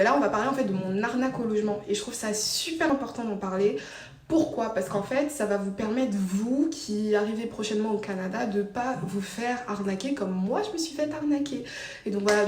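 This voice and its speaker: A woman from Ivory Coast with a mid-range, somewhat dark voice chats casually to her channel as a vlogger. She tells her story with many fillers and restarts, recorded in an echoey room with her voice a bit distant from the mic.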